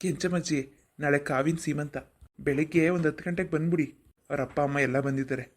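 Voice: mid-range voice, fairly even intonation, quick pace, close to an everyday voice. Voice actor doing a polite young village man. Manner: polite, respectful. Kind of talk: cartoon voice acting.

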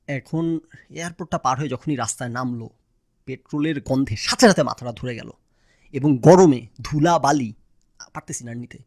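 A man from Bangladesh, hosting a casual monologue and telling personal stories with animated exasperation. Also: medium pitch, moderate pace, no room sound, studio quality. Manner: animated, exasperated storytelling that mimics his own retorts. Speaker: host.

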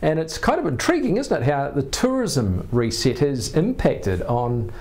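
An older man with a New Zealand accent, hosting a TV interview programme in a studio with a smooth, conversational delivery. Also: mid-range voice, very animated, unhurried, a little mellow. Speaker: host.

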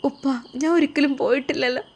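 Gentle young wife, earnest and teary, lilt, played by a woman narrator. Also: sits high, steady tone, quick pace, pitched above the performer's own voice. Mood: earnest, tearful. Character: loving young daughter-in-law, gentle and emotional.

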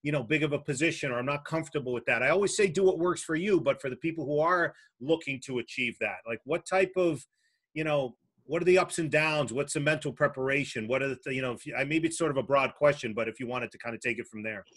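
A man's voice: fairly high pitch, fast, a bit bright. A man hosting a casual chat, talking in loose, rambling sentences with frequent restarts and some swearing. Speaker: host.

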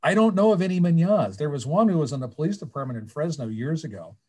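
A fairly high, slightly mellow and husky voice belongs to a Californian man in his sixties who speaks animatedly at a quick pace. As a guest panelist on a video call, he tells his story in a casual, plainspoken way with wry asides, talking into a webcam from a small office.

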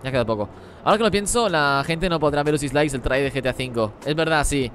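A man streaming a game live, talking rapidly as he reads and answers the chat. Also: fairly high pitch, expressive, fairly bright tone, slight background noise. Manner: rapid-fire talk while reading chat. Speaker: gaming streamer.

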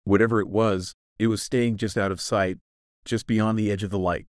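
A man with a very low, deep voice tells a horror story in the first person, grave and full of suspense. The recording is close and completely dry, with no room sound at all. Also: steady tone, moderate pace, clear, resonant tone, no echo. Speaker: narrator.

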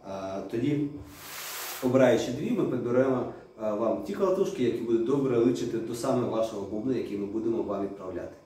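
A man's voice: medium pitch, animated, fast talker, dark tone, slight background noise. A man who makes drums, explaining step by step and addressing viewers directly. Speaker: drum workshop maker. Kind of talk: product explainer video. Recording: very echoey room, distant mic.

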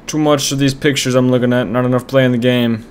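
A young man at home casually commentating a horror game, excitable and jumpy, with lots of slang. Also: medium pitch, fast talker, smooth, faint music behind. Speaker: gamer. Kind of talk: let's-play commentary.

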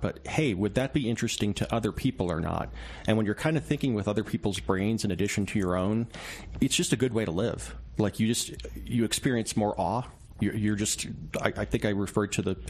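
A newspaper reporter with a fairly low, slightly mellow voice is interviewed as a guest, speaking reflectively and conversationally and explaining himself through small anecdotes and examples. Background noise and ambience are clearly audible.

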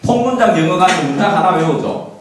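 A man's voice: high voice, animated, fast talker, very echoey, recorded from a distance, a little hiss or hum, rough recording. A man lecturing on study methods, quizzing his listeners with questions and repeating his points. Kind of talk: lecture to an audience.

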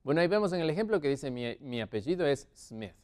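A man teaching English to Spanish speakers, slowly drawing out each model phrase as he explains at a board. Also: on the high side, sing-song, a little mellow.

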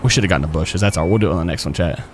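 A man chatting casually as a live game streamer, folksy and excitable as he talks to his viewers and buddies. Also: low voice, rapid-fire, noisy background. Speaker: streamer and police role-play host. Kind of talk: casual live stream chat while playing.

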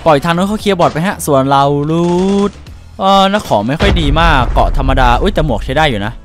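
A man giving casual, crude, joking commentary while playing a shooter game, with faint music behind him. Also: on the high side. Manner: excitable, crude banter, sings and jokes mid-fight. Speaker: gaming streamer.

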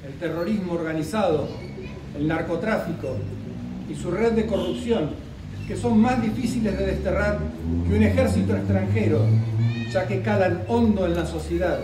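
A middle-aged man reading a formal commemorative speech at a podium outdoors, in a measured, solemn delivery with deliberate pauses. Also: high-pitched, noisy background. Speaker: official speaker at a commemoration. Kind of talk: formal speech read from notes. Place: outdoor park gazebo at a ceremony. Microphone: podium microphone, recorded from a distance. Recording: roomy, distant open-air sound.

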